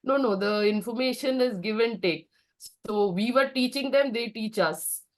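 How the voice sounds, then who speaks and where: A woman's voice: on the high side, normal speed. A middle-aged woman with an Indian accent speaking casually in a group discussion, mixing Hindi phrases into her English. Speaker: participant in a networking discussion.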